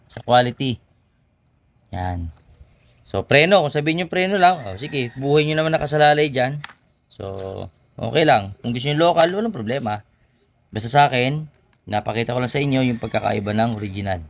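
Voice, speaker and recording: A man's voice: mid-range voice, expressive. Casual man showing motorcycle parts. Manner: conversational, frequent tag questions, pauses to show parts. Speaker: motorcycle mechanic and channel host. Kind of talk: casual how-to demonstration.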